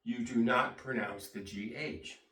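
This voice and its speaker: A man teaching English pronunciation in a deliberate way, repeating and spelling words and giving Spanish translations, recorded in an echoey room. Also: medium pitch, steady tone, fairly bright tone. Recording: echoey room, distant microphone.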